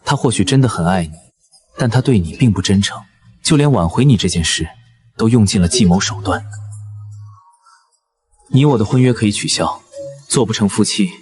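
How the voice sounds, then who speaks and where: An actor playing an intense, possessive young nobleman in a costume romance drama, speaking low and earnestly. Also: lively intonation, moderate pace, pauses often, a little mellow, faint music behind, lightly acted.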